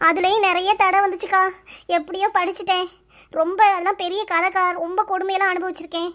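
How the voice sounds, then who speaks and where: A woman's voice: extremely high pitch, level tone, a bit bright. A woman voicing a mistreated young village woman in her twenties in a cartoon, telling her hardships in a tearful, pleading way. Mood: sorrowful. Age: 20s. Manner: tearful, pleading, rapid storytelling. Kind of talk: cartoon voice acting.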